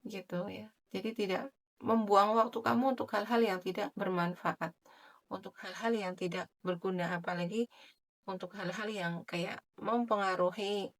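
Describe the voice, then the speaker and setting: A woman giving a general tarot reading in a soft, chatty way, with many filler tags. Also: mid-range voice, steady tone, normal speed. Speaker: tarot reader.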